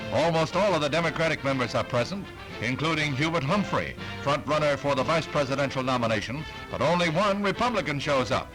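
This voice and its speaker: Male old-newsreel announcer, slightly high voice, formal delivery, music bed underneath. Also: expressive, brisk, poor audio. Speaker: newsreel narrator. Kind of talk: 1960s newsreel narration. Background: music under the narration.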